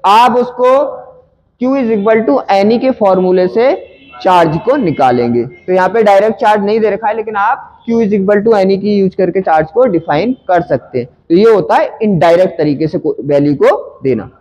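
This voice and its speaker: A man's voice: high voice, expressive, moderate pace, a little mellow, low-quality recording. A male physics teacher working through a numerical problem in a conversational way, asking students questions and answering them himself.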